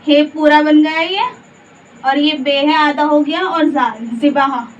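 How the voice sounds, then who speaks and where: A woman with a high voice teaches slowly and patiently, naming each letter before she reads out the full word. She sits back from a distant mic, so the sound is dull and muffled with a faint hiss behind her. Every few words she checks in with a quick question to the learner. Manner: spells out letters one by one, then reads the word. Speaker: Urdu teacher. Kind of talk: slow spelling lesson.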